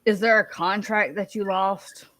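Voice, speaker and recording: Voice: mid-range voice, steady tone, unhurried, fairly bright tone, dry recording, lightly acted. A person voicing a persistent lawyer putting pointed questions in a dramatic reading of a deposition. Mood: pressing.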